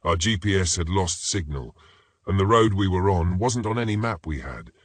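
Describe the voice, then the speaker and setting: Deep, husky horror story narrator. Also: male voice, lively intonation, normal speed, no echo. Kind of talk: scripted first-person narration.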